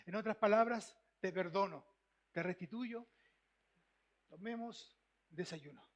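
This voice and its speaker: Un pastor con acento chileno que predica con énfasis, repitiendo frases y haciendo preguntas a la congregación. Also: male voice, high-pitched, unhurried. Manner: emphatic, repeats phrases, asks the congregation questions. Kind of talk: sermon.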